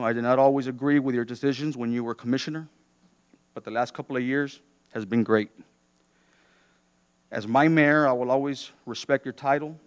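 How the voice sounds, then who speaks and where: A man's voice: mid-range voice, smooth, dry recording. A man giving a prepared farewell speech as a city commissioner, formally and with personal asides. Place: city council meeting.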